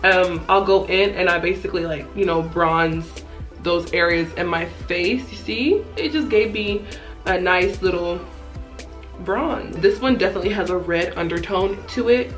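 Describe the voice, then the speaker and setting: A woman's voice: fairly low pitch, normal speed, fairly bright tone. Young woman doing a chatty makeup tutorial, pokes fun at herself, music playing behind her. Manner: self-deprecating, playful. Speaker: beauty vlogger giving a makeup tutorial.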